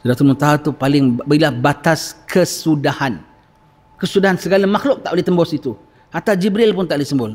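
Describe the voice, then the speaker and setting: Seorang lelaki berloghat Malaysia menyampaikan kuliah agama di masjid, bercerita dengan bersemangat dan menghidupkan dialog. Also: male voice, a little high. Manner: animated, acts out dialogues, frequent "ha?". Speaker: religious lecturer. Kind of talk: mosque sermon lecture. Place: mosque. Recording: long reverb of a mosque hall.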